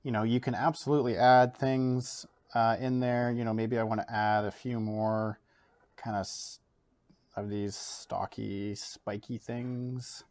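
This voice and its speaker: This Canadian art teacher speaks at a medium pitch, relaxed as he thinks out loud and fills pauses while drawing. He's giving a casual demonstration from his home studio, filmed by an overhead camera above the table.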